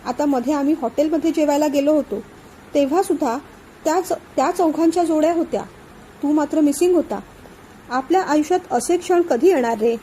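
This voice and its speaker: Aarohi is an anxious young woman in love, guilt pressing on her, speaking softly and pleadingly in a storybook, as a woman narrator reads her. She sounds high and mellow, slightly lower and quieter than the narration. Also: brisk, slight background noise, lightly acted, rough recording. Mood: anxious, tender.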